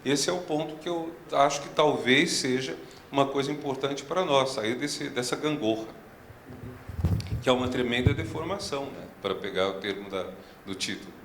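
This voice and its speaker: A man speaking on a round-table panel in a measured, reflective way. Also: medium pitch, a bit bright. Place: museum auditorium. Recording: echoey auditorium with faint hiss.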